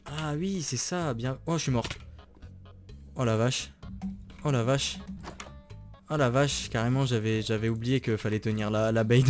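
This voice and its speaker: A young man giving chatty, excitable commentary while playing a video game and talking to his viewers. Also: mid-range voice. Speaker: gaming YouTuber. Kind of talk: casual Minecraft let's play commentary. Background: background music.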